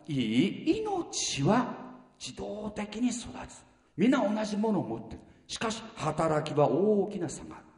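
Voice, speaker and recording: A male pastor delivers a sermon in a high, animated voice, tossing blunt rhetorical questions at his congregation. He sounds set back from the mic, with a long reverb trailing through the hall. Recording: echoey hall, mic far off.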